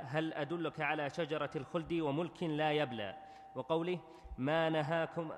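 Brief: male student reading classical text, steady and slightly high, long hall reverb. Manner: measured, recitative reading. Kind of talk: formal reading aloud.

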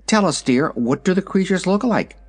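A curious, wary young girl, as a reader puts her on, asking questions in a gentle voice. The voice stays close to the reader's own, with lively pitch. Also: normal speed, slightly rough.

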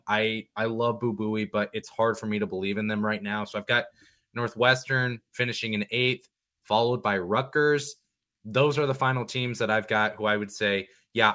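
A man on a sports podcast lays out his picks in a low, bright voice with some edge. He talks casually and weighs his words, pausing and correcting himself as he goes. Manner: thoughtful, hedging, many ums. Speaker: podcast guest.

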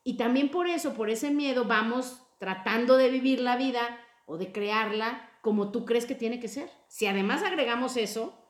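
Woman host, animated and playful, fairly high voice, roomy echo. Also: normal speed, hardly any pauses. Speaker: podcast host. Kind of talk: casual podcast chat about emotions.

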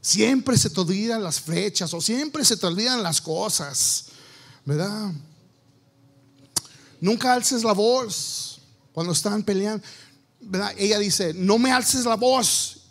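A man's voice: sits high, lively intonation, takes it slowly, pauses often, a bit bright. A male pastor preaching a sermon on marriage, playfully acting out quoted husbands and wives. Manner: playful, acts out quoted spouses.

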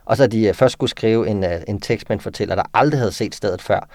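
Danish man, writing teacher, low voice, halting and filler-heavy, dry recording. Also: darkish tone, no room sound. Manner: hesitant, many fillers when explaining. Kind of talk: interview talk and reading student texts aloud.

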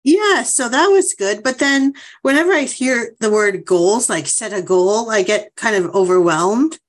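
A woman's voice: fairly high pitch, animated, unhurried. A woman client on a group coaching call, sharing casually and hesitantly as she thinks aloud.

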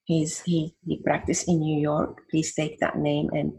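An older woman with a Venezuelan accent, talking as a guest counselor in an interview. She sounds warm and reflective and sometimes searches for her words. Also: sits low, little pitch movement, unhurried, vocal fry. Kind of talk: interview conversation.

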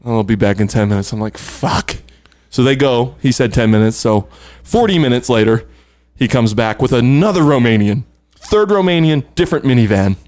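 A man spins a rambling anecdote among friends, laughing as he goes and cursing casually. His voice sits at an ordinary pitch. The sound is dry and close, with no room echo. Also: moderate pace. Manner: animated storyteller, laughs a lot, swears. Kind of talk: casual storytelling chat.

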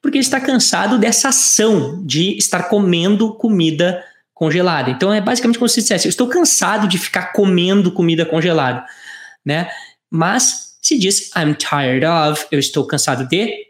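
An English teacher, giving a lesson and drawing out English phrases slowly for the listener to repeat. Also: mid-range voice, expressive. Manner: slow, drawn-out English phrases for repetition. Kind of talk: online language lesson. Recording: roomy echo.

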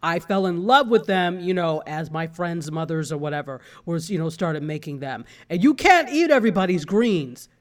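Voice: mid-range voice, animated, normal speed, few pauses. Upbeat talk show panelist from africa, gushes, restarts words a lot. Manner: enthusiastic, chatty, restarts words. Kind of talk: casual chat.

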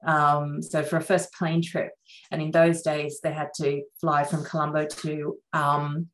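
A middle-aged woman from Sri Lanka, a surgeon, chatting reflectively with plenty of fillers in a relaxed interview. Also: low-pitched, measured pace, poor audio. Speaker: surgeon guest.

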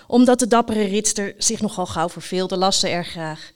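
Woman reading a playful storybook. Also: medium pitch. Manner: lively, playful reading with dramatic pauses. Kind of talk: expressive storybook narration.

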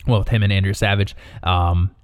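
A man's voice: deep voice, steady tone, a little fast, clean tone. A man co-hosting a podcast, chatting casually about a TV episode with rambling, trailing asides. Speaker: podcast co-host. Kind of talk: casual chat recapping a TV episode.

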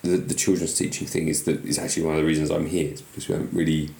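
A man hosting a podcast, chatting casually in a relaxed, rambling way with frequent restarts. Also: very deep voice, very fast, creaky, reverberant. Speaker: podcast host. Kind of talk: casual interview chat.

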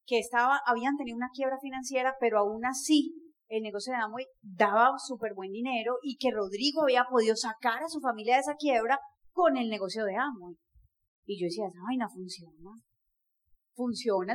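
A woman in her forties with a high voice speaks to a live audience. Her delivery is forceful and emphatic. She laughs often and works the crowd as a motivational speaker. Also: brisk.

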